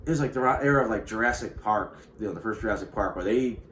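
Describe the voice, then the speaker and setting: A man's voice: lowish voice, fast, fairly bright tone. A man giving a casual, rambling spoken movie review, full of fillers and restarts. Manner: rambling, filler-heavy, frequent restarts and "you know". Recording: roomy with faint background hiss.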